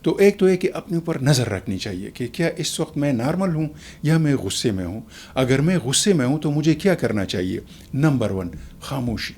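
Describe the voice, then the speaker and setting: A man, a guest on a talk program, explaining calmly in a measured, lecturing way with everyday examples. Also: mid-range voice, breathy edge. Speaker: expert guest. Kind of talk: explanatory talk show answer.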